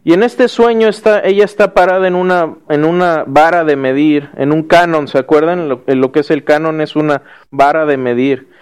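A male teacher telling a story to his class in a lively way, acting out the quotes and adding a bit of folksy humor. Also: on the high side, moderate pace, clean tone.

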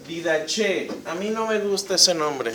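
A man's voice: high voice, unhurried, a bit bright, a little hiss or hum. A man teaching a Bible study class in a conversational way, often asking the group questions. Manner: frequent restarts and fillers. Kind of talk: church class lecture.

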